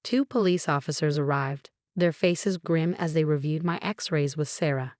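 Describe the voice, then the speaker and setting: A woman narrates a first-person story in a steady, even read. Her voice sits low, and the recording is dry and close, with no room sound. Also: moderate pace, dry recording.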